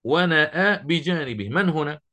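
A middle-aged man teaching Quran recitation to a class, quizzing students and slowly quoting verse lines. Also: a little high, lively intonation, sharp tone. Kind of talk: classroom lesson.

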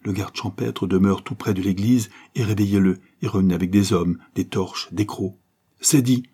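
A man voicing a composed gentleman who gives firm, commanding orders in an audiobook. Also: low-pitched, fairly even intonation, normal speed, breathy edge.

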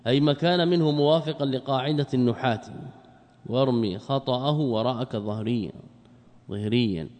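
A man's voice: medium pitch, normal speed, darkish tone. Man teaching grammar in an echoing hall. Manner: methodical, repeats key terms and asks rhetorical questions. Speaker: Islamic scholar teaching Arabic grammar. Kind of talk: classical grammar lesson explaining a text.

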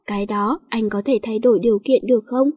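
A woman's voice: a little high, fairly even intonation, a little fast, mellow, slightly rough. A woman voicing a feisty, irritable schoolgirl heroine in a storybook reading. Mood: irritated. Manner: irritable, grumbling. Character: feisty schoolgirl heroine, sulky and sharp-tongued.

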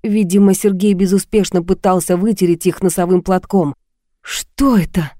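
A woman narrating a first-person story in a steady, expressive audiobook reading. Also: fairly low pitch, brisk, no echo, studio quality.

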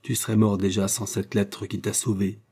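A man's voice: on the low side, level tone, normal speed, a little mellow, slightly rough. A man voicing a fierce young Spanish woman, a vengeful guerrilla fighter, speaking with burning hatred in an audiobook. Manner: burning, hateful, hissing delivery. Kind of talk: audiobook character voice.

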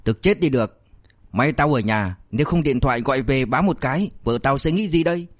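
A man voicing a hot-tempered male former cop who scolds and shouts angrily. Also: medium pitch, animated, fairly quick, no room sound, close to an everyday voice. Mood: furious.

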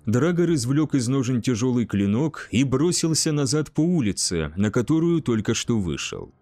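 A man reading a fantasy story aloud as narrator, in a measured, unhurried way. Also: mid-range voice, dark tone. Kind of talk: scripted audiobook narration.

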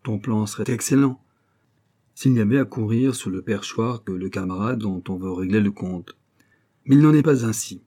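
A scheming old clerk with a low, dark, mellow voice, as a male narrator puts him on, coaxing and knowing, now and then stern. He sounds like a character from a read-aloud novel. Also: moderate pace, natural voice.

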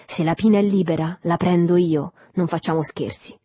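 A woman reading a novel aloud, voicing a loud, jovial, red-faced man who shouts and repeats himself. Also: on the low side, steady tone, normal speed, slightly rough, no echo. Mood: brisk.

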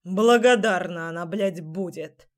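Brief: woman reader voicing a stubborn, gruff young man, slow and mocking. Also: high voice.

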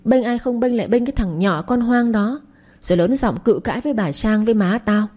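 Lady reading a bratty rich schoolboy, bragging and taunting, warm mellow voice. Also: fairly high pitch, lively intonation, a little fast, voice pushed up. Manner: boastful, taunting. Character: brash rich schoolboy bully, teenage boy.

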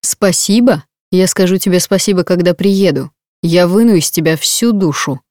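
A woman's voice: fairly low pitch, normal speed, no room sound, clean studio sound, natural voice. A woman voicing a stern, cruel male mafia boss who talks in a cold, threatening way. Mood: menacing. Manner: threatening, cold, then soft and quiet.

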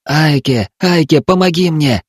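A man's voice: fairly high pitch, normal speed, darkish tone, no echo, studio quality, pitched above the performer's own voice, close to an everyday voice. A man voicing a terrified captive boy who begs for help in a frantic, pleading whisper. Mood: desperate. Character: terrified captive boy being fattened to be eaten.

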